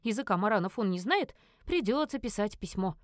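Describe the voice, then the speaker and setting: Woman narrator, comic first-person audiobook, animated, dry close sound. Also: mid-range voice, fairly quick, no room sound. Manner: expressive, comic, lively storytelling. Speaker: audiobook reader.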